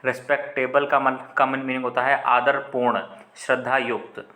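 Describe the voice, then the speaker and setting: A man's voice: medium pitch, flat delivery, moderate pace, sharp tone. Patient man teaching in an echoey room. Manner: explains step by step, repeating terms, with frequent fillers and restarts. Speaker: exam prep teacher. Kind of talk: Hindi lesson explaining English vocabulary questions. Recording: roomy echo.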